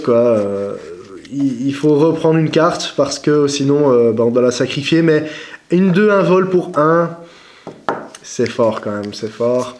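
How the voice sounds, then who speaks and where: A man's voice: mid-range voice, darkish tone. A young man chatting casually as he opens and rates cards, hesitant, with frequent fillers and apologies. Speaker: card-opening vlogger. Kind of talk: casual unboxing commentary.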